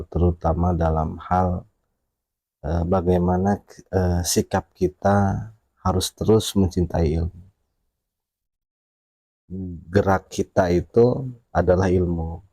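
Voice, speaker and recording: A man recalling memories of a late religious teacher in a measured, thoughtful way, pausing on fillers. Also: low-pitched, mellow, dry recording. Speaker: family member remembering the late cleric. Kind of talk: reflective reminiscing interview.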